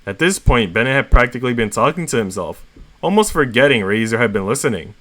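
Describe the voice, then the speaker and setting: A man's voice: mid-range voice, lively intonation, quick pace, a bit bright. A man reading a fan fiction story aloud as a narrator. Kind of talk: story reading with acted dialogue.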